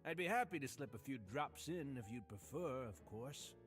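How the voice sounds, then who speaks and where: Casting: man playing a courtly, unsettling game bartender, lively polite lilt, faint music behind. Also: medium pitch, normal speed, natural voice. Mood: genteel. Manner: genteel and polite, oddly eager. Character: suave, courteous male hotel bartender who collects ears. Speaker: game character.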